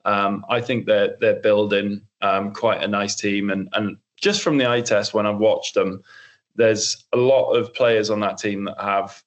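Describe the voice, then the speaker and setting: A man's voice: lowish voice, fairly even intonation, unhurried, lo-fi sound. A young man co-hosting a casual sports podcast, rambling with lots of ums and restarts. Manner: rambling, filler-heavy, many restarts. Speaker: co-host.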